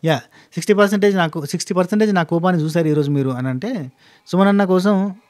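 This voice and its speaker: A man, casually recapping a reality show in an animated monologue with quick restarts. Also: high voice. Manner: rapid, animated retelling with frequent restarts.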